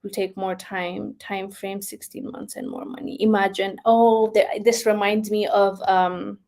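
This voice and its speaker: An expressive woman hosts a casual talk, reading viewer comments aloud and answering them. Her voice sits at an ordinary middle pitch. She laughs often and moves between quiet, soft remarks and bursts of excitement. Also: unhurried. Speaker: host.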